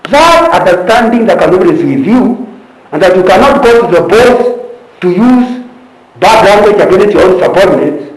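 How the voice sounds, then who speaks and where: A man leading a group session on leadership, stressing his points by repeating them and checking in with the class. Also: high voice. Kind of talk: interactive teaching session. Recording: echoey room, distant from the mic.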